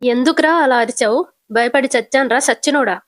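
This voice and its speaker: A woman's voice: high voice, brisk, no echo, close to an everyday voice. Woman putting on a grumbling grandmother over seventy. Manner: grumbling, scolding.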